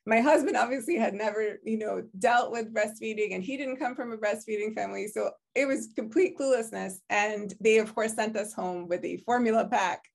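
A woman's voice: on the high side, normal speed, vocal fry, hardly any pauses. A woman from Hungary with a Hungarian accent, English not her first language, recalling her story in a reflective oral history interview over a video call, filling her talk with "you know.". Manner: reflective, frequent "you know", laughs easily. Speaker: interviewee, public health professor. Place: home office, virtual background.

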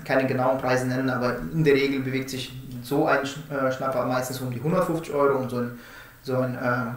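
Recorded with a roomy indoor echo, a man in his thirties speaks in a medium-pitched, slightly bright voice as he casually explains smart-home door products, regularly adding questioning tags to his points.

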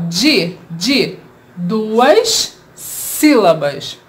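A woman with a Brazilian Portuguese accent and a slightly high voice teaches children a grammar lesson. She explains slowly and asks rhetorical questions.

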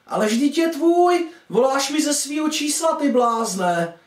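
A man voicing a warm, doting middle-aged mother who fusses over her son on the phone. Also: very high-pitched, lively intonation, pitched above the performer's own voice. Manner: fussing, affectionate. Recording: echoey room, distant mic.

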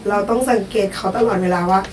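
A woman teacher answering questions in a coaching session, speaking softly in short replies. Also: mid-range voice, fairly even intonation, fast talker, echoey room, far from the mic, over music. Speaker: teacher and workshop participant.

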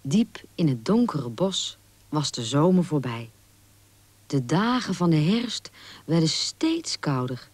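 Gentle woman reading a children's story. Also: deep voice, slow pace, no echo. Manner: gentle, expressive, does small character voices in quotes. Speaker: narrator.

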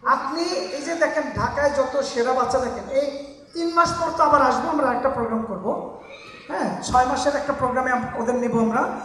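High, energetic teacher in an echoey hall. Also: a little fast. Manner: energetic, coaxing, calls out words for a group to repeat. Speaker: English teacher leading a children's session. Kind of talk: lively classroom instruction on stage. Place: large echoey hall at an arts academy. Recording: echoey hall from far off, faint noise.

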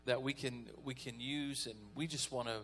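Folksy pastor preaching. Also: male voice, medium pitch, fairly even intonation, normal speed, a bit bright, a little hiss or hum. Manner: folksy, conversational preaching with audience call-and-response. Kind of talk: sermon.

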